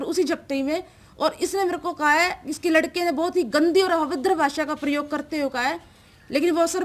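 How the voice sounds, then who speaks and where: A woman in a news interview giving an urgent, aggrieved account, often calling the interviewer sir. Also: very high voice. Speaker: interviewee, victim's sister.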